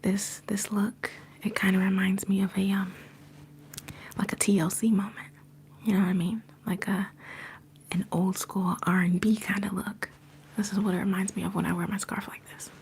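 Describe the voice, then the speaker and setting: This woman hosts an ASMR livestream from her home, moving between gentle whispers and soft speech while greeting viewers in chat. Her voice is mid-range and husky with a level tone and a moderate pace, picked up by a phone sitting a little way off.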